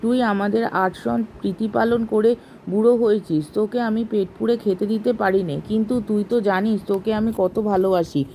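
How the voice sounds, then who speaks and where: A woman reading as a poor aging farmer, soft and pleading. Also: medium pitch, steady tone, normal speed, slight background noise, close to an everyday voice. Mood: tender. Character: poor aging village farmer, gentle and grieving.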